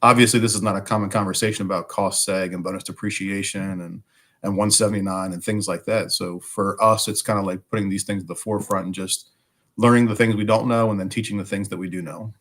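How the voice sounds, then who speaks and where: A man chatting casually as a guest, his voice raspy like a smoker's and hoarse from bronchitis, as he fights back a cough. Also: deep voice, fairly even intonation, quick pace, a bit bright. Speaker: guest, firefighter and podcaster. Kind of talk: casual chat.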